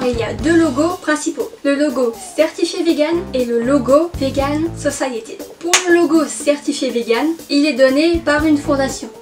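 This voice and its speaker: Chatty woman vlogger, high voice, jokey asides, a bit far from the mic with music underneath. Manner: chatty, jokey asides, self-mocking English. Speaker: beauty vlogger. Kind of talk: casual explainer vlog.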